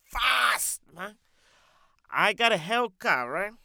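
Man doing a loud bragging car guy. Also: high voice, very animated, slow pace, gravelly, dry recording, clean studio sound, exaggerated voice. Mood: boastful. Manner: boastful, shouty, repeats "man" constantly. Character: brash loud man bragging about his fast car. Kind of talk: comedic improvised character bit.

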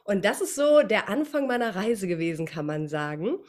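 A woman's voice: mid-range voice, moderate pace. A woman voice coach talking as a guest in a podcast interview, speaking in a motivational, encouraging way. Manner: lively, warm coaching tone, laughs often.

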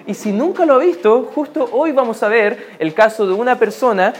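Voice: medium pitch, moderate pace, slight background noise. A pastor preaching a sermon in an earnest manner, often asking the congregation direct questions.

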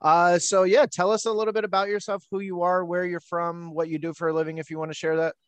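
A man's voice: high-pitched, little pitch movement, fast, clear, resonant tone, no room sound. A young man from the East Coast hosting a podcast, chatty and enthusiastic, rambling with lots of filler words. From United States (East Coast). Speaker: podcast host. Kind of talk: casual interview.

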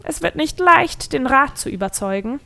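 A woman voicing a shifty, scarred male dwarf who deals pills, talking in a sly, wheedling, drawn-out way. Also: high voice, animated, creaky, sharp tone, pitched above the performer's own voice, heavily acted.

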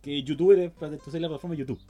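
A man's voice: on the high side, fairly even intonation, very fast, warm tone, faint music behind. A young man with a Chilean accent, chatting casually and explaining things at length with plenty of slang. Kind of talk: casual chat.

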